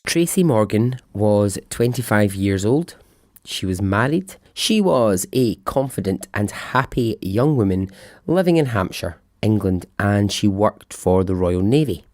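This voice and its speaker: A man's voice: fairly low pitch, expressive, measured pace, darkish tone, no echo. A man with a thick Scottish accent hosting a storytelling podcast in a chatty, informal, sweary way, close to the microphone. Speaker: podcast host.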